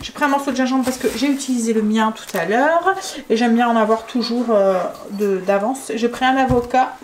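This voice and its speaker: Brief: high-voiced woman, northern French accent, chatty home vlogger who rambles and hesitates, noisy home recording. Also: brisk. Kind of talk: casual home vlog chat.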